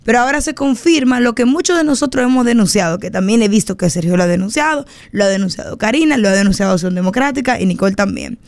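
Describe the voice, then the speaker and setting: A Dominican woman politician talks on a radio show in a lively, emphatic way. Her voice has a gravelly edge. The studio is dry and close. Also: fairly high pitch, fast talker, few pauses, no echo. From Dominican Republic. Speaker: politician guest. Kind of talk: casual radio talk-show commentary.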